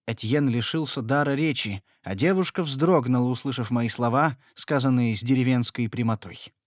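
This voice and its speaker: A man reading a novel aloud in scripted narration, even and measured. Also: mid-range voice, dry recording, clean studio sound. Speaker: audiobook reader.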